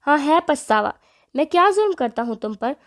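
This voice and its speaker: A woman's voice: high voice, animated. A woman reading the part of a hot-tempered young husband in an audio novel, with clipped, biting delivery. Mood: angry.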